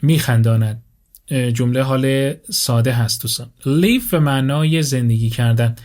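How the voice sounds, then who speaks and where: Man slowly reading English examples. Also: medium pitch, darkish tone. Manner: reads English examples very slowly, explains quickly in Persian. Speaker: English teacher. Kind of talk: vocabulary lesson.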